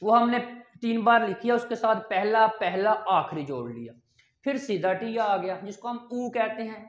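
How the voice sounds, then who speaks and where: A language teacher explains step by step, asking questions and then answering them. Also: medium pitch. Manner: counts and repeats items slowly. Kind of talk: step-by-step online language lesson. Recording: roomy echo.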